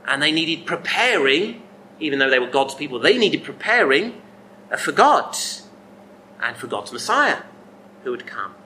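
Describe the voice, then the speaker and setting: A man's voice: on the high side, sing-song, moderate pace, pushed and bright, slight background noise, poor audio. A man preaching a sermon, earnest and emphatic, often asking rhetorical questions.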